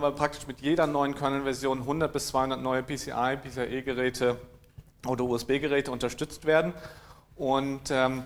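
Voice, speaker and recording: A man from giving a technical conference talk, dry in manner, hesitant with many fillers and frequent throat clearing. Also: mid-range voice, slight background noise. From East Frisia, northern Germany. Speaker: conference speaker. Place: lecture room at a conference.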